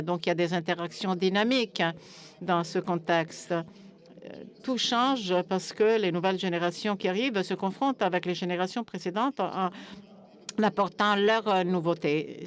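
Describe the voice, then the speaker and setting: Female interpreter, voice a little on the low side, relaying a panel speaker's remarks live.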